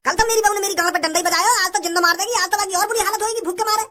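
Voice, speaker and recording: A woman's voice: very high voice, steady tone, rapid-fire, pushed and bright. A woman voicing an agitated, complaining old village mother-in-law in a Hindi cartoon, often stammering. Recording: noisy background.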